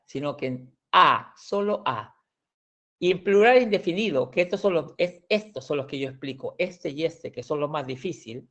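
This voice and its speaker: A man's voice: a little high, creaky, a bit bright. A man teaching a language class, explaining grammar patiently and repeating words with frequent restarts. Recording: dull lo-fi sound.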